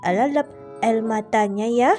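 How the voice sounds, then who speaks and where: A woman's voice: a little high, unhurried, darkish tone, soft background music, voice pushed down, close to an everyday voice. A woman voicing a sweet, curious toddler in a game drama, with lisping baby talk.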